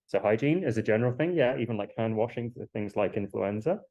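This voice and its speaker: A man lecturing to a class through a face mask while he has a cold, explaining in a halting way and putting questions to students. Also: lowish voice, expressive, muffled recording.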